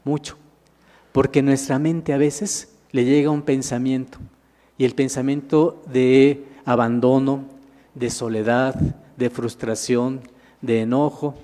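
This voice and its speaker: Speaking slowly with a warm but flat delivery at medium pitch, this minister gives Bible teaching with slides. He calls the congregation "hermanos," poses questions to them, and supplies the answers himself, all echoing through the long reverb of a large hall.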